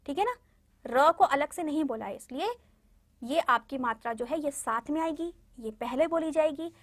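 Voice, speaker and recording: Lady teacher talking to kids, high voice, keeps asking if they got it, dry close sound. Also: lively intonation, normal speed. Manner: patient, repeats words for pupils to echo; frequent "ठीक है" check-ins and fillers. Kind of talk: classroom lesson addressed to children.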